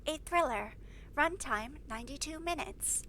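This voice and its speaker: A woman's voice: high-pitched, expressive, measured pace, sharp tone, a little hiss or hum, voice pushed up, exaggerated voice. A woman voicing a pedantic middle-aged father who explains a movie plot in detail. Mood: explaining.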